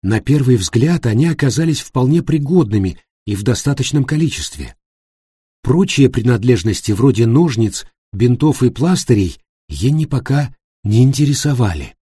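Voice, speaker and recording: Male audiobook narrator, mellow husky tone, steady tense storytelling. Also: mid-range voice, normal speed, dry recording, studio quality. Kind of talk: scripted narration.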